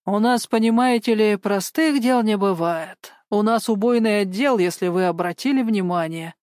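A woman voicing a stern, impatient male police major with a creaky, unpleasant voice in an audiobook. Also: mid-range voice, moderate pace, darkish tone, no room sound, studio quality, natural voice. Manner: gruff and commanding. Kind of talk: audiobook character voice.

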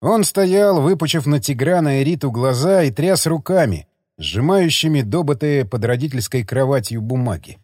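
Expressive male audiobook narrator. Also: medium pitch, normal speed, no echo, clean studio sound. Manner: expressive, dramatic reading.

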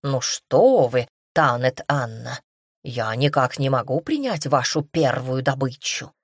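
A woman's voice: rumbling low, measured pace, breathy edge, no room sound, studio quality, pitched below the performer's own voice, full character voice. A woman voicing a wry, teasing male mentor. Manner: calm, wry, gently mocking. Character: man, composed teasing mentor, dry wit.

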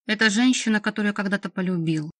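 A woman reading an audiobook, voicing a weary male healer who speaks in a soft, careful, restrained way. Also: medium pitch, fast, no room sound, natural voice. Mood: tender. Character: calm, gentle grown man, a weary healer.

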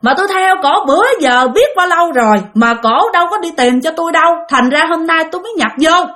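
A woman voicing the lost ghost of a dead woman searching for her husband, speaking in a halting, plaintive way. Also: very high-pitched, animated, sharp tone, voice pushed up, exaggerated voice. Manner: plaintive, halting with many "hả" fillers.

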